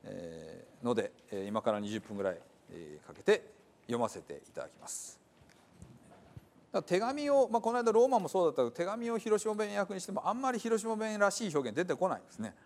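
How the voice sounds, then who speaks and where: Lively Japanese pastor preaching. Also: male voice, sits high, a little fast. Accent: Hiroshima dialect in the reading. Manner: lively, many fillers, shifts between calm explanation and emphatic points. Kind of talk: sermon with scripture reading in dialect.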